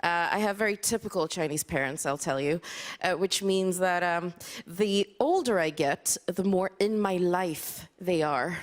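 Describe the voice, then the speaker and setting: A woman's voice: on the low side, a little slow. A woman from Sweden performing a stand-up comedy set on a live stage, with a dry, self-deprecating delivery full of small hesitations. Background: faint audience laughter and applause.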